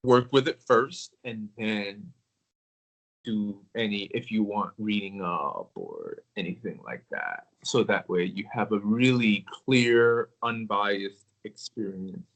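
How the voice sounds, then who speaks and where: A man in casual conversation about crystals, talking in a relaxed, rambling way with many filler words. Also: fairly low pitch, slow, vocal fry, low-quality recording. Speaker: crystal collector.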